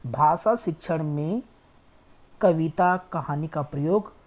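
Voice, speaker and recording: A woman's voice: deep voice, takes it slowly, a little mellow. A woman teaching an online exam-prep lecture, explaining step by step and repeating key words for emphasis. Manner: frequent "ठीक है" checks.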